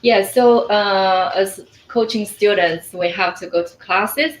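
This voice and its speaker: A Mandarin-speaking woman, working as a coach, answers interview questions thoughtfully in a medium-pitched voice, often pausing on "uh" and "mm." It's a conversational interview recorded in an echoey room with faint ambient noise.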